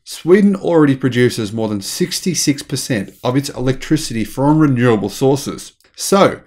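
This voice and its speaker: A man, hosting an energetic news commentary in a small room at home and gesturing with his hands. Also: mid-range voice, moderate pace. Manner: enthusiastic, animated, gestures with hands. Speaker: channel host.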